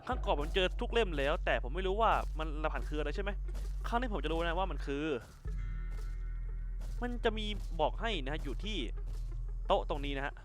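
A man giving casual let's-play commentary as a gaming YouTuber, excitable, swearing casually and laughing often. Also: fairly high pitch, brisk, long pauses. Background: faint music.

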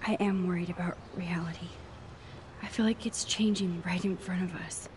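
A woman voicing a quiet, thoughtful teenage student in a video game, speaking softly and hesitantly. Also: fairly low pitch, steady tone, normal speed, close to an everyday voice. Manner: soft, hushed, hesitant. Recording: game audio under a livestream, with background noise.

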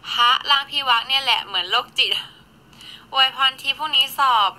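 A woman's voice: high-pitched, fairly quick, sharp tone, poor audio. A woman in her twenties chatting casually on a live stream, snacking and thanking viewers as she talks. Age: 20s. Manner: chatty, eats and reads viewer gifts while talking.

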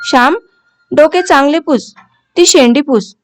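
A woman's voice: high voice, a little slow, slight background noise. A woman voicing a strict but loving village mother who scolds her son sharply. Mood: tender. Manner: scolding, commanding.

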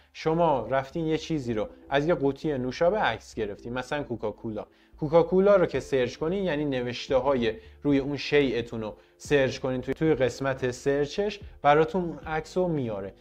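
A man's voice: mid-range voice, darkish tone. A man presenting a casual tech tutorial in a chatty, playful way, talking to his viewers as friends. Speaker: tech vlogger.

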